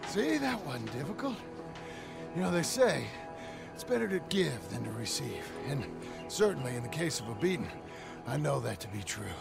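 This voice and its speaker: An actor playing a gruff outlaw in a video game, talking with dry, sarcastic menace. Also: male voice, medium pitch, big pitch swings, normal speed. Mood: wry menace. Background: game music.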